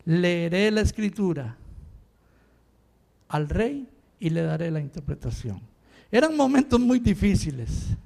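An older man from Rica, preaching an impassioned sermon that swings between quiet talk and shouting. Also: high-pitched, gravelly. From Costa Rica.

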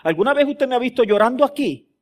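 A man preaching a sermon as pastor, moving between loud emphatic declarations and hushed storytelling, often putting questions to the congregation. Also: very high-pitched, lively intonation, fast talker. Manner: asks the congregation rhetorical questions.

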